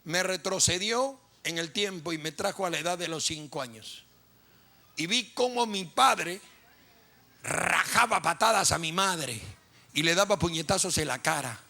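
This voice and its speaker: A man's voice: high voice, lively intonation, a little slow, gravelly, bright, forceful tone, heavily acted. A man voicing a tearful young woman prophet, speaking with earnest emotion.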